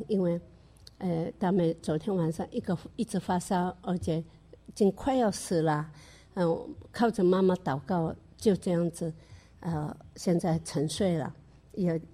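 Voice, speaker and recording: An older woman tells a personal faith testimony in an earnest, halting manner, often stopping to restart. Her voice sits fairly low and sounds mellow and dark. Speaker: church member giving testimony.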